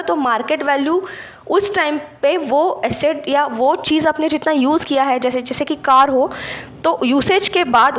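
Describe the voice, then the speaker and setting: High-voiced woman teaching accounting. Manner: patient, checks understanding with frequent "theek hai"; mixes English terms into Hindi. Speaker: exam prep teacher. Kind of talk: explanatory online lecture.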